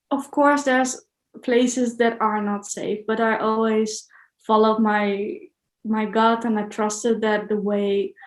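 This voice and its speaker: A Dutch woman from the Netherlands, a solo traveller, answers interview questions casually and thoughtfully, with some hesitation. Her voice is a little high, and the recording sounds roomy.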